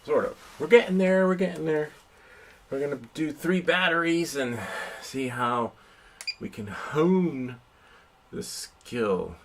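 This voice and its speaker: This vlog host's voice is on the high side, and he takes things slowly as he rambles through commentary on an indoor hobby how-to. Recorded inside a house with constant background noise, he mutters to himself and jokes playfully at his own expense.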